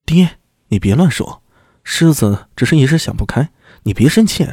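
A man's voice: medium pitch, sing-song, normal speed, darkish tone, slightly rough, dry recording, clean studio sound. A man voicing a worried young brother who pleads and soothes an angry father. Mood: pleading.

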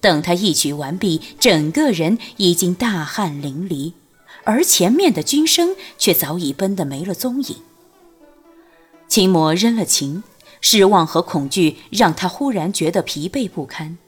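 A woman narrates a martial arts novel in an expressive storytelling manner. Her voice is low-set and breathy, and her intonation is lively and rises and falls freely. Faint music plays beneath her reading. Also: a little slow. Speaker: audiobook narrator.

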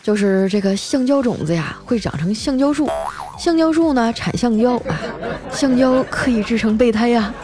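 A young man delivers a teasing pun with a deadpan manner, a woman putting him on. He sounds a touch higher than her usual voice. It is chatty comic storytelling. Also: normal speed, over music, close to an everyday voice. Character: teasing male classmate, deadpan punning.

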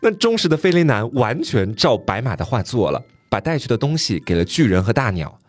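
A male podcast host casually retelling a dark fairy tale, chatty and given to joking asides. His pitch rises and falls in a lively way, in a middle register. The sound is close and dry, with no room echo. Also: a little fast.

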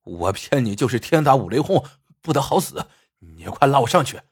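A man voicing a once-arrogant county magistrate, now freezing in a well and stammering out pleas in a husky, low, hushed voice. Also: sing-song, moderate pace, no echo, studio quality. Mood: pleading.

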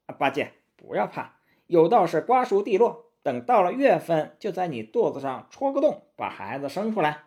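Man voicing a brash male monkey king, storybook tale, high lively voice, husky. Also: moderate pace. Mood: teasing. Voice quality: brash, bouncy, self-assured. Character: cocky, quick-witted male monkey king.

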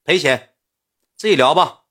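A man's voice: lively intonation, a little slow, fairly bright tone, breathy edge, exaggerated voice. A man putting on the voice of a young female assistant, first sulky and scolding, then sweet and singsong as she pushes sales. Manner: mocking falsetto, singsong sweet sales talk.

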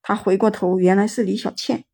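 Woman telling a ghost story, chatty and relaxed, mellow husky voice. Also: mid-range voice, fairly quick. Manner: chatty, relaxed, many filler particles. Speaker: storyteller host.

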